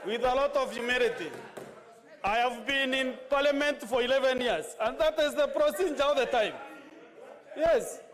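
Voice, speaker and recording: A man's voice: very high voice, normal speed, a bit bright. A man with a Kenyan accent speaking as a senator in parliamentary debate, insistent and raising his voice, recorded in a large echoing chamber. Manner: insistent, raised voice. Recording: long echo of a large chamber.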